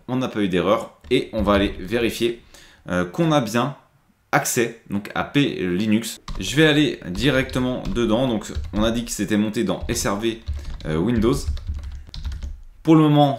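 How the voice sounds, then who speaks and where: A man's voice: lowish voice, reverberant, slight background noise. A man presenting a screen-recorded IT tutorial, explaining step by step with frequent hesitations.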